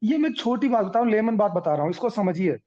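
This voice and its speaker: A man's voice: sits high, expressive, quick pace, warm tone. Earnest man on a muffled call. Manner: earnest, repetitive, explains with examples. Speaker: team leader addressing members. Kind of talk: online group call talk.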